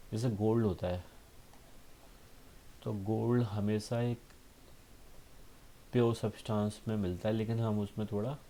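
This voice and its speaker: A man teaching a school science lesson, explaining patiently with frequent tag questions and reading textbook lines slowly. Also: on the low side, dark tone, a little hiss or hum. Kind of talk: classroom lesson.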